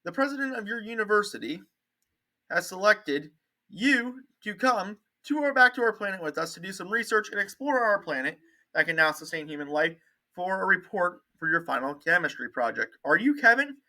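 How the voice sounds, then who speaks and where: Formal, insistent alien robot envoy, acted by a man in a tall tale, measured and very bright. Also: high voice, lively intonation, full character voice, poor audio. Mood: formal, polite. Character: polite but insistent robot envoy from another planet. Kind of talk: tall-tale monologue character.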